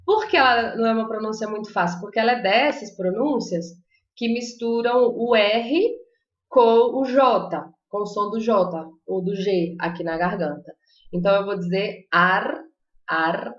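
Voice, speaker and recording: A Portuguese-speaking woman teaching a live online Spanish lesson, chatty and encouraging, slowly modeling pronunciations. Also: medium pitch. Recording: echoey room, slightly dull sound.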